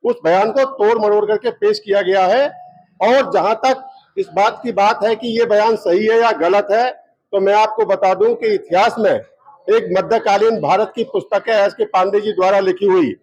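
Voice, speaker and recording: Insistent high-voiced man. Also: muffled recording. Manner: insistent, explanatory. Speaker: state president of a party wing. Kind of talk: press statement to reporters.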